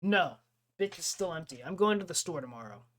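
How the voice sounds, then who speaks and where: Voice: medium pitch, lively intonation, fairly quick, a bit bright. A young streamer in casual chat with live viewers, rambling, laughing often and jumping from topic to topic.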